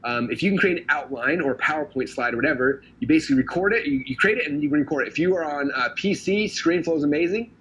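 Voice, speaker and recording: Fast-talking man teaching a business class. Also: on the high side, expressive, fairly bright tone. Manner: fast, casual, enthusiastic, filler-heavy. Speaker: business trainer. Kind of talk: recorded training talk. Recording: dull lo-fi audio, faint noise.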